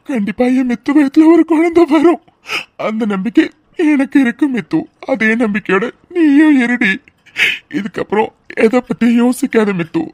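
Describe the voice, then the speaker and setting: A woman performs the role of a devoted young husband in a tearful cartoon drama, her fairly high voice soft and imploring with a darkish tone. There's no ambience; the sound is close and entirely dry.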